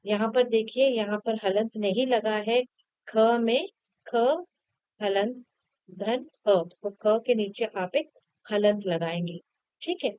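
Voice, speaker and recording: A woman teaching children a worksheet lesson, patient and repetitive as she breaks each word into its letters. Her voice is smooth and clear. The recording is dry and a little muffled. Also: mid-range voice, slow pace, darkish tone, dry recording.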